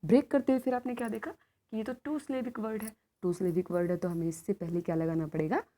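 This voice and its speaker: A woman teacher explaining a grammar lesson, asking questions and answering them herself, reading rules out slowly. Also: medium pitch, steady tone, dark tone. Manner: asks questions and answers them herself, calls students beta; reads rules slowly and clearly. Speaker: school teacher. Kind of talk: classroom grammar lesson in Hindi-English mix.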